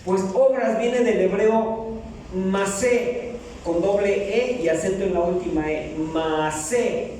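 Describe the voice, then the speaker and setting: A man's voice: high voice, moderate pace, warm tone, distant mic, a little hiss or hum. A middle-aged man preaching a sermon in a church, joking and asking the congregation questions. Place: church hall. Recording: echoey hall, mic from afar.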